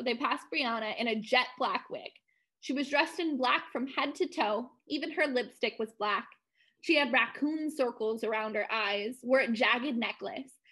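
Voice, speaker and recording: Storybook narrator: a woman, a bit high-voiced, reading expressively to kids. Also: pushed and bright, low-quality recording. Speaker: children's story reader. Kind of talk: storybook read-aloud.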